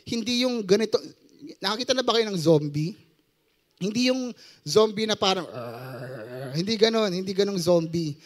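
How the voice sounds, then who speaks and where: A young adult man with a Filipino accent preaches a sermon in a high voice at normal speed. He jokes and quizzes his audience while mixing Tagalog and English.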